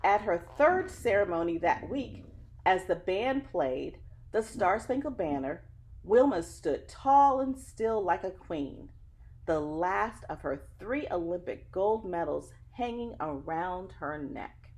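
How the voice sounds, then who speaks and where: A woman with a lowish, darkish, animated voice reads a picture book slowly and dramatically. She draws her listeners in by addressing them directly with conversational asides.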